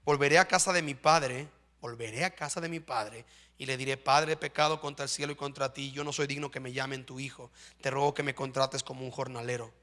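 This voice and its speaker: A man's voice: mid-range voice, little pitch movement, fast, hardly any pauses, sharp tone. A man preaching a sermon in church, often checking in with his listeners. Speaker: pastor.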